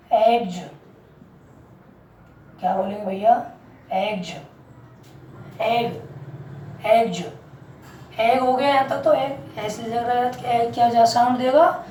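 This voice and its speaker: A woman's voice: on the high side, moderate pace, warm tone, distant mic. A woman teaching English pronunciation in a classroom-style lesson, repeating each point and quizzing her listeners with questions. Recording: echoey room, voice from off mic, faint background noise.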